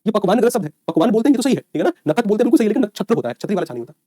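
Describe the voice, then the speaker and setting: A man's voice: high-pitched, big pitch swings, rapid-fire, warm tone, dry recording, clean studio sound. A man teaching an online exam-prep lecture, quizzing his students and answering his own questions, with folksy asides.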